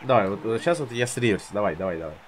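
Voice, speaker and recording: A man's voice: lowish voice, animated, very fast. A man commentating his own gameplay like a casual wrestling commentator, teasing and goading the wrestlers as he goes.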